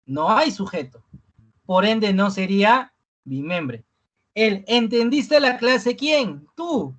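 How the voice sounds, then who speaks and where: With a sing-song, fairly bright medium-pitched voice, a teacher goes over material in a live online class, slowly repeating key words for emphasis and finishing nearly each phrase with a questioning "¿no?".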